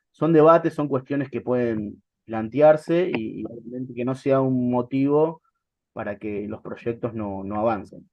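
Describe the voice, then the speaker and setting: A man's voice: medium pitch, dry recording, muffled recording. Flu-ridden Argentine man teaching a class. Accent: Argentine Spanish. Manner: hesitant, repeats words as he talks. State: has the flu. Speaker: course instructor. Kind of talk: online law class.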